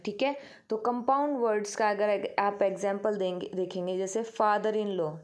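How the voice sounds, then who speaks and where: A woman's voice: mid-range voice, steady tone, unhurried, a little mellow. A woman teaching a grammar lesson, patiently asking the class questions and answering them herself. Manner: addresses pupils affectionately as "beta".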